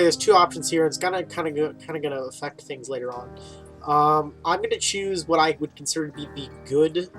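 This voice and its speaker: With a voice on the high side and a bit bright, this man reads game dialogue aloud during a casual, rambling playthrough, dropping wry, informal remarks. Game music plays underneath.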